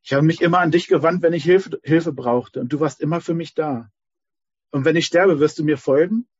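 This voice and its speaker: A dying rich old king pleads with a husky, slightly raised voice, as a man puts him on. He sounds lonely and regretful. The recording is dull, lo-fi and dry. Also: fairly high pitch, fairly quick, no room sound. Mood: urgent.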